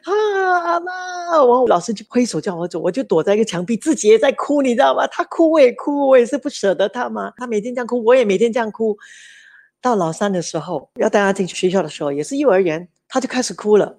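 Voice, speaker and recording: Lively woman telling stories. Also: mid-range voice, fast. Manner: lively anecdotes, mixes English words into Mandarin. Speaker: interview guest, mother of three. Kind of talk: casual storytelling interview.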